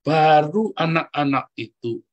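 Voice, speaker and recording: A man's voice: fairly high pitch, lively intonation, slow, dull audio. A middle-aged man preaching a sermon as a pastor, speaking emphatically and constantly addressing the congregation.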